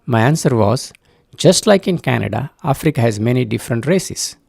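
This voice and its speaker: An older man from Uganda telling a personal family story in a measured, earnest way, as scripted narration. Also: mid-range voice, expressive, creaky, darkish tone, breathy edge, no echo, studio quality.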